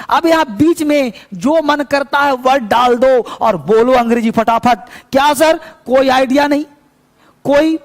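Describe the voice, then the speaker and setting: A man teaching English to Hindi speakers, who explains patiently, repeats phrases and keeps asking the class whether they follow. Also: very high-pitched. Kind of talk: spoken English lesson. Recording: long reverb in the room.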